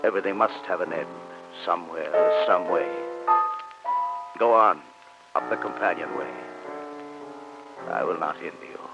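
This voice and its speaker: An actor playing a brooding, bitter submarine captain in an old radio drama, speaking formally and deliberately with theatrical courtesy. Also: male voice, low-pitched, animated, highs cut off. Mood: resigned, bitter. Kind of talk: 1940s radio drama acting. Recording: old radio recording, loud organ music behind.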